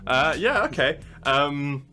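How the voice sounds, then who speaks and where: A man's voice: on the high side, big pitch swings, slow, sharp tone, faint music behind. A man narrating a tabletop game as game master, rambling loosely with many fillers. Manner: rambling, full of likes and uhs.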